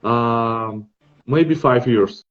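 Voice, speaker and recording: A man with a Belarusian accent talks slowly and haltingly, reaching for English words as a podcast guest. His voice sits in an ordinary middle register. The sound is dull and lo-fi. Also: medium pitch, soft background music. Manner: hesitant, searching for words. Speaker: guest artist. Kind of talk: casual podcast chat.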